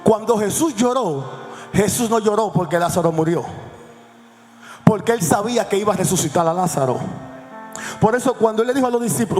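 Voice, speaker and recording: A male pastor preaching a sermon, swinging between hushed lines and shouts and calling the congregation to repeat after him. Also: high voice. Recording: echoey hall with faint music.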